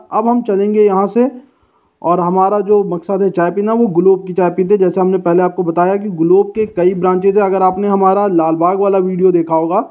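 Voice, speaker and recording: Guy vlogging food, fairly high voice, tinny phone-line sound. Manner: chatty, guiding the viewer along. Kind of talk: casual walking food-vlog narration. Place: outdoor street and busy food shop. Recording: tinny phone-like street recording.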